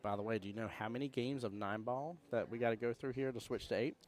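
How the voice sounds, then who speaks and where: In an indoor pool hall, a man hosts a live pool stream, commentating casually and chatting with viewers in a folksy, friendly way. His mid-range voice is fast with fairly even intonation, and a small fan whirs near the mic.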